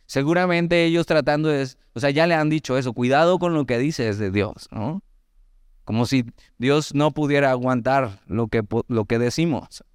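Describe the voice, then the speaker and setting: A Mexican man with a Mexican Spanish accent preaching a sermon, teaching through a Bible passage in a conversational way with lively asides and slow readings of scripture. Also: mid-range voice, clean tone, no room sound, clean studio sound. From Mexico, Veracruz. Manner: conversational, animated asides, reads scripture slowly.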